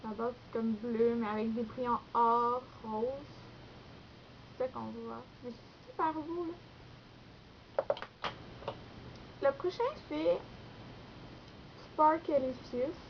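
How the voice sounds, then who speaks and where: A woman's voice: on the high side, fairly even intonation, slow, long pauses, lo-fi sound, slight background noise. A young woman with a Québécois accent chatting through a nail polish haul, rambling with lots of fillers and self-corrections. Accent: Québécois French. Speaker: beauty vlogger.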